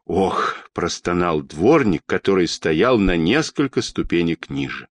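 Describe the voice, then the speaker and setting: A man narrating a children's storybook in an expressive, animated reading. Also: low-pitched, measured pace, no echo, studio quality.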